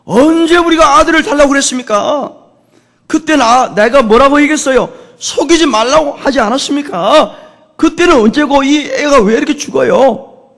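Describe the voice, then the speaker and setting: A man voicing a grieving mother who shouts accusing questions at a prophet, in a long-reverb church. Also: extremely high pitch, moderate pace, vocal fry, pitched above the performer's own voice. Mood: furious.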